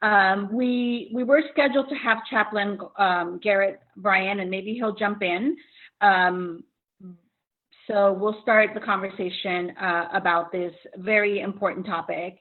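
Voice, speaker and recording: A woman's voice: mid-range voice, steady tone, unhurried. Middle-aged woman from mexico telling her story, lots of ums and restarts, thin phone-line audio. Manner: earnest, many fillers and restarts. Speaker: podcast co-host. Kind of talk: casual chat, personal story.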